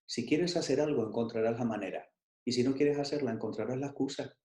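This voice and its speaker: A man's voice: medium pitch, fairly quick, mellow, reverberant. A man leading an online coaching workshop, stressing his points, repeating key phrases and asking rhetorical questions.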